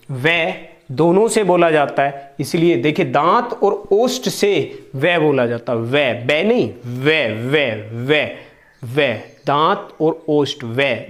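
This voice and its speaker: A man teaching a grammar lesson, patiently explaining where each sound is made and slowly repeating syllables to demonstrate them. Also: fairly high pitch. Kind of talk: Hindi grammar lesson on places of articulation.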